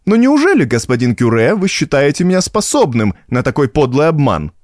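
A man's voice: a little high, sing-song, fairly quick, darkish tone, no room sound, studio quality, voice pushed up. A man voicing a hulking former postmaster, blustering and sarcastic while scared. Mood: defensive.

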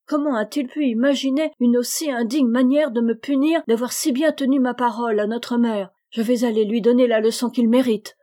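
A woman's voice: a little high, moderate pace, hardly any pauses, a little mellow, slightly rough. A woman reading aloud, voicing an impulsive, indignant teenage girl who exclaims her lines.

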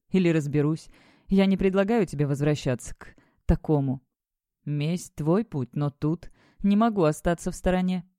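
The narrator voices a gruff, weary man in an audiobook, matter-of-fact and brisk. The tone is dark and mellow. The sound is close and dry. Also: mid-range voice, no room sound, close to an everyday voice.

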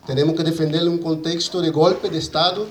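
A man with a Brazilian Portuguese accent and native Portuguese gives a conference presentation in a halting mix of Spanish and Portuguese, repeating and rebuilding his words. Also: fairly high pitch, steady tone. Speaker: conference speaker for an agroecology movement. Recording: roomy echo, faint background noise.

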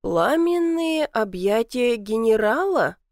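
A woman reading the lines of a mocking, self-assured young man in an audiobook, with a dry, teasing, deadpan delivery. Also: on the high side, slow, no room sound, exaggerated voice.

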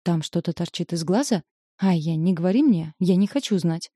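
A woman's voice: fairly low pitch, lively intonation, moderate pace, dark tone, slightly rough, dry recording, studio quality. A woman reading as a fussy, scolding mother. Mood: fretful. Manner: scolding, fretful, theatrical. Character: fussy, chattering middle-aged mother. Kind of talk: audiobook character voice.

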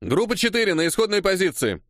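A man voicing a hurried, bossy assistant film director calling out loud commands. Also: sits high, big pitch swings, dry recording, clean studio sound, voice pushed up. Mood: commanding. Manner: loud commanding calls, hurrying people.

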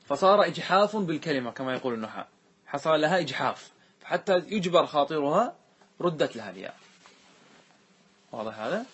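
A man teaching a grammar lesson. His voice is a little high and husky. He asks questions and keeps checking that his students are following. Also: sing-song, a little fast, long pauses, fairly bright tone. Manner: questioning, checks understanding often.

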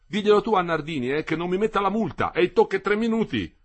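Eager young male apprentice builder, voiced by a man reading aloud, high and breathless, husky edge. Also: animated, fast. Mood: pleading. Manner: pleading, breathless hurry.

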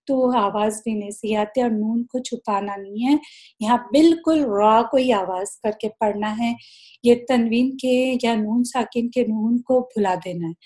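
A woman's voice: on the high side, dark tone. Woman teaching Quran recitation rules. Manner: explains slowly, drawing out each recited example; mixes English words into her explanations. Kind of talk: recorded tajweed lesson.

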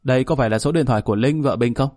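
A man's voice: mid-range voice, rapid-fire, a little mellow, no room sound, close to an everyday voice. Man as crude extortion caller; curt, pressuring, plain mid voice, dry. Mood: pushy. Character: crude male extortion caller, pushy and evasive.

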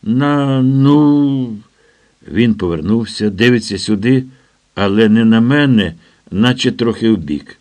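A man's voice: medium pitch, takes it slowly, darkish tone, close to an everyday voice. A man reading an audiobook, voicing a young American man answering over a radio in a dazed, trailing way. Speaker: character in an audiobook.

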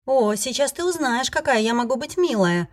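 A woman voicing a furious, indignant young heroine with a shrill, shouting delivery. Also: normal speed, lightly acted.

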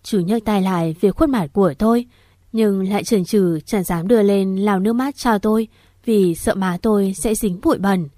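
A woman reading an emotional first-person story in a steady storytelling voice. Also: medium pitch, normal speed, dry recording, studio quality. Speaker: narrator.

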